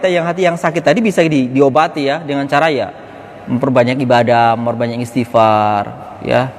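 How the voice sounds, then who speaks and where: A man giving an informal, animated religious lesson to young students. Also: fairly high pitch, big-room sound, a little hiss or hum. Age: 30s. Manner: animated, acts out classmates' quips. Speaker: ustadz teaching students.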